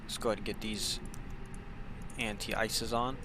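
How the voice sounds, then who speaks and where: A man playing pilot in a flight simulator, reading checklists and giving relaxed captain announcements with many fillers into a headset mic. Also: on the low side, measured pace. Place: home flight simulator setup. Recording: clear steady background noise.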